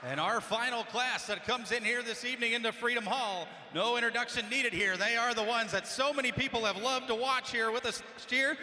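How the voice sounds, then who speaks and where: A man's voice: extremely high pitch, a little fast, hardly any pauses, sharp tone. A man announcing a tractor pull class over an arena PA, projecting formal introductions of each driver. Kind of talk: live arena announcing of a competitor lineup. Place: large indoor arena. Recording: echoey arena PA, crowd and noise. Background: crowd and arena noise.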